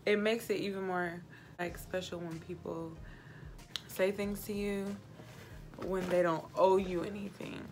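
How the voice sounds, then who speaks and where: A woman's voice: lowish voice, level tone, measured pace, very noisy. A woman in her twenties chatting casually to camera as a makeup vlogger, with a tipsy, giggly, rambling drunk manner. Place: small indoor home set, close to camera.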